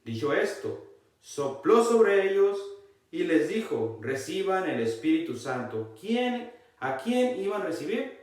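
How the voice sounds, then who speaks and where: A man gives a Bible-reading sermon at an unhurried pace, his pitch rising and falling in lively sweeps. He keeps pressing his listeners to pay attention and repeats key lines. The recording is heavily echoey, with the mic set well away from him. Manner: emphatic, often repeating "look" to the listeners; reads scripture aloud slowly. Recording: very echoey, mic far from speaker.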